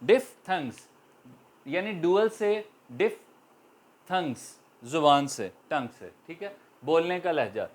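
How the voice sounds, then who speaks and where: A man from Pakistan with a Pakistani accent giving a slow, patient grammar lesson, drawing out each example word. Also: fairly high pitch, lively intonation. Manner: slow, patient explanations with repeated drawn-out example words. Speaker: teacher. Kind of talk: classroom grammar lecture.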